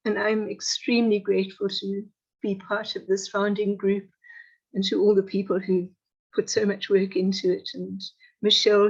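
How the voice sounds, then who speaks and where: A woman from South Africa giving a measured, earnest address over a video call, pausing often with fillers. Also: mid-range voice, darkish tone, slightly rough, dull audio. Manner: measured, with frequent pauses and fillers. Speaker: panelist at online launch. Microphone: video call audio without camera.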